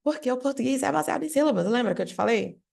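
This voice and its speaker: Creaky-voiced woman teaching a lesson. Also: high-pitched, rapid-fire. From Brazil. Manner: explains directly to viewer, lively questions. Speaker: English teacher. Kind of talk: online language lesson.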